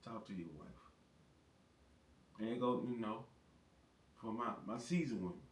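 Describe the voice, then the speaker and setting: A man giving relationship advice in a casual, rambling monologue, often repeating his words. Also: measured pace. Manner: rambling, conversational, repeats phrases. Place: in his truck. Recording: roomy, distant mic, faint rumble.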